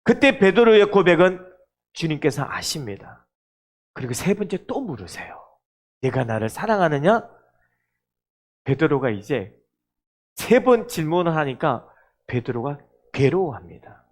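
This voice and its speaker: A man's voice: on the high side, very animated, moderate pace. A male pastor preaching a sermon, acting out the quoted dialogue as he goes.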